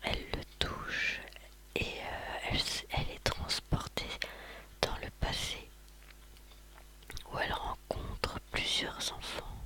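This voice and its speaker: Someone speaking in a soft ASMR library whisper, recounting things as a host in a halting way with pauses. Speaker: ASMR video host recounting favourite books and films.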